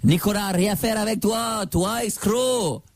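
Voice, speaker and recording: A man on a radio prank call voicing a fake male psychic who bosses the caller around and shouts mock curses. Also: a little slow, creaky, very noisy. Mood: shrill cursing. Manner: shrill, bossy, chanting mock spells. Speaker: radio host.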